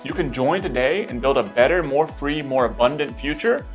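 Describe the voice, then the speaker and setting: A man delivering a scripted, urgent sales pitch as a promotional voice-over. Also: moderate pace, faint music behind.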